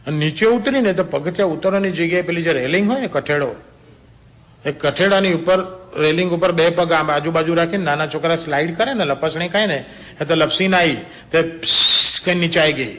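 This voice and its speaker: Man, slightly high voice, crude joke teller, chatty. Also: fairly bright tone. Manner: chatty, crude storytelling, laughing at his own punchlines. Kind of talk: bawdy joke telling to a small audience.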